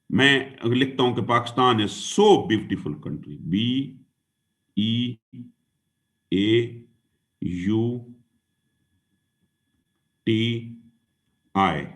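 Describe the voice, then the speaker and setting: Medium in pitch and a little bright, a man from Pakistan delivers a classroom lecture as an exam-prep teacher. He addresses students as "dear student" and "son," spells out words one letter at a time, and blends English into what he says.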